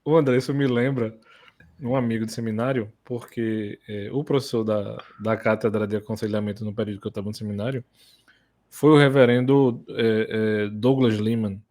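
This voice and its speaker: A man on a casual podcast slowly recalling a memory, pausing with fillers. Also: on the low side, fairly even intonation, darkish tone. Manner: hesitant, drawn-out recollection. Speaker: podcast co-host. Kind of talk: casual chat.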